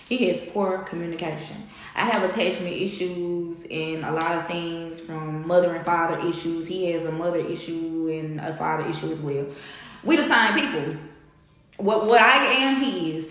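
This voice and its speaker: Candid woman telling an emotional story, echoey room. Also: on the low side. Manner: candid, animated, quotes others in dialogue. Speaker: vlogger.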